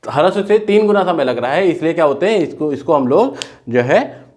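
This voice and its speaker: A man's voice: fairly high pitch, animated, a little mellow. Man teaching, dictating notes. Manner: repetitive, dictating notes slowly word by word; asks questions and answers them himself. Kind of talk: classroom lecture.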